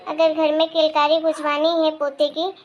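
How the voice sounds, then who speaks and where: A woman's voice: high voice, completely flat delivery, moderate pace, darkish tone, highs cut off, a little hiss or hum, close to an everyday voice. A woman voicing a meddling young married neighbor who gossips and gives pushy advice.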